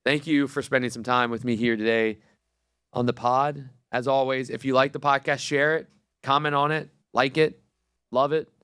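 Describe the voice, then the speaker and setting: A man in his thirties talks through his podcast in an easygoing, rambling way, full of fillers and restarts. His voice sits at a middle pitch. The recording is dry and close, with no room sound. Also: fairly even intonation, normal speed, a bit bright, clear, resonant tone, no echo. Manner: rambling storytelling with many fillers. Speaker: podcast host. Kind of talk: casual solo podcast talk.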